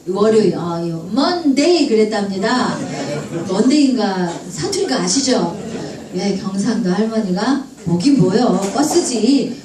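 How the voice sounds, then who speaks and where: A woman giving a lively public English lecture, asking the audience questions and acting out dialect jokes. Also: medium pitch. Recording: echoey room, distant mic, faint room noise.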